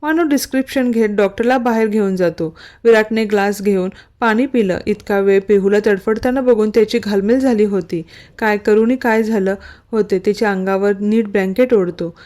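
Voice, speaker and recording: A woman reading a romance story aloud with steady, even narration. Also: medium pitch, normal speed.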